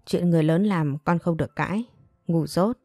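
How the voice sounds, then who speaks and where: Woman reading a nasty arrogant young husband in a story, spiteful and sneering, low mellow voice. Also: normal speed, dry recording, studio quality, soft background music, close to an everyday voice. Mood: contemptuous. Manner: contemptuous, spiteful.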